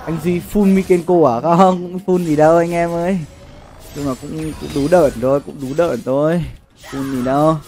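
Over faint background music, a young adult livestream gamer speaks at a moderate pace in a slightly high, slightly mellow voice with fairly even intonation. He chats casually and comments on the game from his indoor setup, using slang, swearing, and often repeating phrases.

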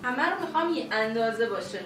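A woman's voice: a little high, expressive, fairly bright tone. A woman vlogger chatting playfully to her viewers while cooking at home, often giggling. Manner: playful, giggly, talks to camera audience. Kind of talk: casual vlog chat to viewers. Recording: roomy, distant mic, background music.

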